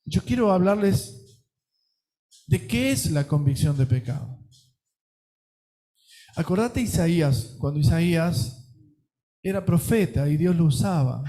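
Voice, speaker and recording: A man with a Rioplatense Spanish accent preaches in a high voice. He tells a story and acts out the quotes, rising loud and then dropping soft. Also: lively intonation, slow, long pauses. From Argentina. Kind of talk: sermon.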